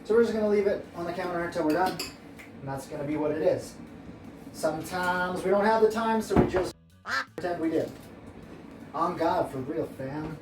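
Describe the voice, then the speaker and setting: Over background music, a man with a high voice hosts a home cooking video, chatting casually at a moderate pace with long pauses. Rambling, joking and playful, he talks while he works in his home kitchen. The mic sits at a distance, so the room sounds echoey.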